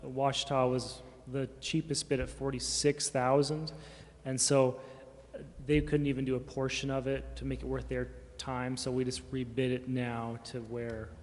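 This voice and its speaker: A city staff member answers council questions in a large indoor council chamber, explaining things casually. His medium-pitched, level voice is halting, and he often corrects himself. The recording picks up the room's reverb and background noise.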